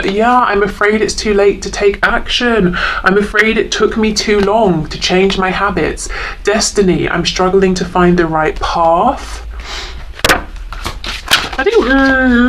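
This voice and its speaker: A tarot reader with a medium-pitched voice works through a card reading informally, thinking aloud hesitantly and reflectively as she reads out messages. There is background noise.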